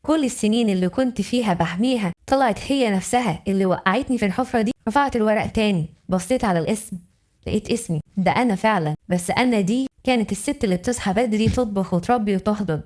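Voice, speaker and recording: Fast-talking Egyptian woman telling a story. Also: mid-range voice, a little mellow. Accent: Egyptian Arabic. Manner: emotional, intimate telling. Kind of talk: dramatic first-person story narration.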